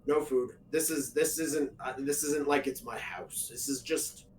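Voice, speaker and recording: A man's voice: mid-range voice, measured pace. A man running a tabletop game as game master, narrating unhurriedly with frequent fillers. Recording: distant mic with faint background noise.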